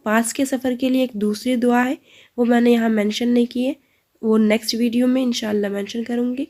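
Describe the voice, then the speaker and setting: A woman teaching children Islamic supplications, reciting Arabic slowly and explaining in with English words mixed in. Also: a little high, little pitch movement, mellow. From India. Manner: mixes English into Urdu, reads Arabic slowly and deliberately. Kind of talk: slow, patient dua lesson, recites and translates.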